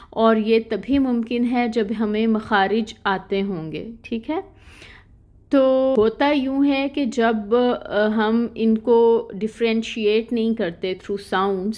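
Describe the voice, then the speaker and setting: A woman's voice: a little high, darkish tone. A woman teaching an online lesson on Quran pronunciation, explaining patiently and often checking in with her students. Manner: patient and explanatory, repeats "theek hai" to check in, demonstrates letter sounds. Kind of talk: recorded lecture on Arabic pronunciation.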